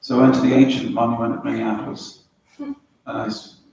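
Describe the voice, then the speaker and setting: Brisk and level, his medium-pitched voice is creaky with a darkish tone. A middle-aged Welsh spiritual teacher, he tells stories and unpacks words step by step for a small group in a yoga center hall. The mic sits far off in the roomy space, picking up a faint hiss.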